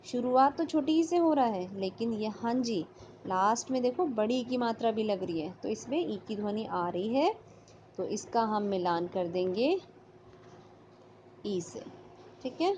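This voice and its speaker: Woman teacher going slow over letters, kinda higher voice, faint hum behind. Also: lively intonation, warm tone. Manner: slow, patient, sounding out letters. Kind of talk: online class lesson. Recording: slightly dull lo-fi audio.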